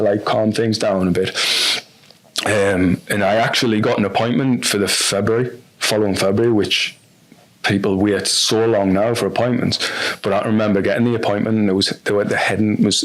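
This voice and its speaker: A man's voice: on the low side, steady tone, brisk. A man with a North East English accent telling a personal story on a podcast in a frank, rambling way, full of restarts and fillers. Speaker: podcast guest.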